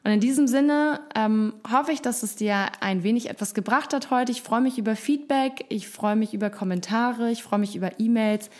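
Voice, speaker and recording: A woman's voice: on the high side, normal speed, few pauses, darkish tone. A woman hosting a casual motivational self-help talk, frank and encouraging, with blunt swear words. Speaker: self-help podcast host.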